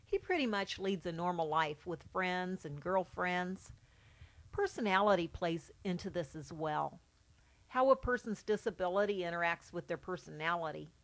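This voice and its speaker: Mother reading a steady personal account. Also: lowish voice, normal speed. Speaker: mother of a child with albinism. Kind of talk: read-aloud personal account.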